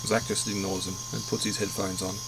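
A man reading a minute-by-minute film recap in a steady, matter-of-fact way. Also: lowish voice, fairly quick, creaky, very noisy. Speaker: podcast narrator. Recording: crickets chirping behind. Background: crickets and insects.

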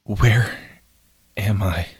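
A man playing a dazed, confused young man in a script read, halting and terse, with a low husky voice. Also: heavily acted.

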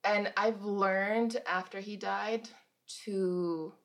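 A woman's voice: mid-range voice, fairly even intonation, drawn-out words. A woman in her thirties from Germany, a guest author casually telling stories about her life and laughing between anecdotes. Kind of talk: casual storytelling.

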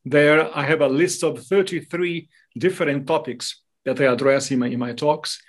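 A Brazilian man, a native Portuguese speaker with a Brazilian accent, appears as a guest in an interview and explains devotional topics. His voice sits on the high side, with a steady tone and a moderate pace.

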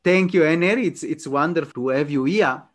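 Podcast host with a halting, eager manner. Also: male voice, fairly high pitch. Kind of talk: interview.

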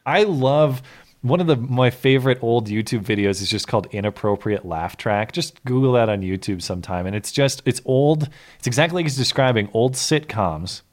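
Man, co-host, casual slangy chat, joking, lively swings in pitch. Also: moderate pace. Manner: joking, laid-back slangy talk with "dude" and "like".

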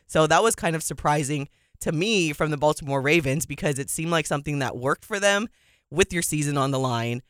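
A chatty woman co-hosts a sports talk show, laughing easily and letting her voice leap up high when a point excites her. She speaks close to the mic in a dry studio. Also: fairly quick, no echo. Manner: chatty, laughs often, animated swings in pitch.

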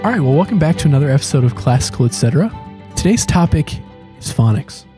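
A man's voice: fairly high pitch, very animated, fast, mellow, soft background music. A man hosting a casual studio conversation, chatty and easygoing. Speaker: podcast host. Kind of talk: casual chat. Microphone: studio microphone.

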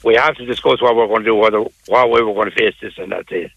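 Fast-talking, gravelly Irish man. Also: on the low side, fairly even intonation, fairly bright tone, dry recording, dull audio. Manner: repeats phrases for emphasis. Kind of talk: unscripted radio interview.

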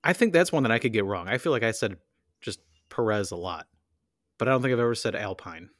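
A man's voice: lowish voice, lively intonation, fast, fairly bright tone, dry recording, studio quality. An American man co-hosting a casual podcast, chiming in laid-back. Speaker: podcast co-host. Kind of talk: casual chat.

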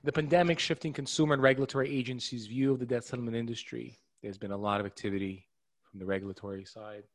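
A man's voice: mid-range voice, fairly even intonation, fast talker, dry recording. Upbeat male webinar moderator, dry sound. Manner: upbeat and welcoming, with fillers. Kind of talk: scripted-sounding webinar hosting.

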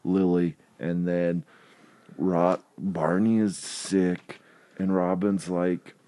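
A man in casual chat, retelling scenes with animated quoting and frequent laughter. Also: sits low, extremely slow.

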